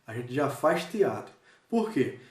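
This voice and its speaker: A male teacher giving a recorded review lesson, speaking straight to his students and checking in often with quick questions. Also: mid-range voice, very animated. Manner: talks straight to students, checks in with frequent "certo?" and "né?"; demonstrates with gestures and changes of voice. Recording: echoey room, voice from a distance.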